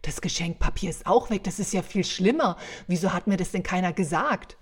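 A woman voicing a loud, quick-tempered male Santa Claus who bellows and grumbles in a story reading. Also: lowish voice, breathy edge. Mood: blustering.

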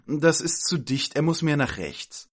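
A man's voice: fairly high pitch, lively intonation, unhurried, husky, voice pushed up. A man voicing a bossy, indignant aunt who scolds and fusses in a storybook reading. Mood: fussy. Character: shrill bossy scolding middle-aged aunt, female.

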